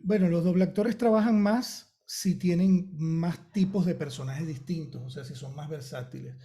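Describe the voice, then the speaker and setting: Venezuelan guy, voice acting teacher, super mellow dark voice, chatty with lots of ums. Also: a little high, moderate pace. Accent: Venezuelan Spanish. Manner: talkative, lively, fillers while thinking. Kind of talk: conversational interview answers.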